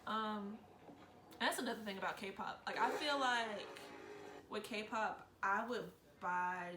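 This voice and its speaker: A young woman hosts a casual reaction chat, sharing opinions in an emphatic, conversational way. The room echoes around her voice, and music plays clearly in the background. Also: medium pitch, slow. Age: young adult. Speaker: host reacting with her grandmother.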